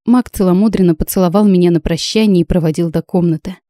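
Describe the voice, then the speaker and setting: Woman narrating a fantasy audiobook, mellow voice, dry close mic. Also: lowish voice, fast talker, dry recording.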